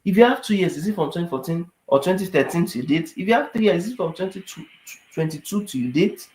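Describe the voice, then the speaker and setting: A man's voice: high voice, fast talker. A man, a tired immigration advisor talking casually to viewers and often asking whether they understand. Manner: animated, asks rhetorical questions, repeats "do you understand". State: tired, yawning. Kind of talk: casual explainer talk to viewers. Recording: echoey room.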